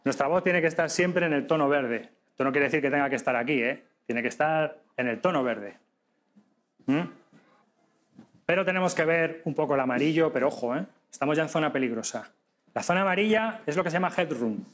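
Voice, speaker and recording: A man teaching a live podcasting workshop to an audience, lively and demonstrative, often checking in with quick questions. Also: a little high. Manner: lively, demonstrative, addresses audience directly with frequent tag questions.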